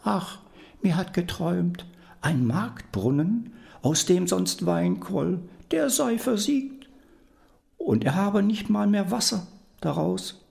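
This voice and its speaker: A man putting on a fussy old grandmother, high and chiding. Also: expressive, slow, vocal fry, a little mellow, exaggerated voice. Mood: coaxing. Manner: fussy, chiding, half-whispered. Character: scolding old grandmother of the devil.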